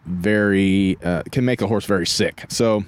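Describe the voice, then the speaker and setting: A man, a veterinary guest, giving unscripted interview answers in a halting way as he searches for words. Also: fairly low pitch, clean tone.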